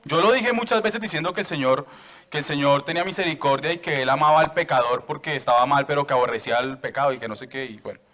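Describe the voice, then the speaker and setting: A man's voice: on the high side, fast, sharp tone. A man preaching a sermon to a church congregation, joking with them and asking for raised hands.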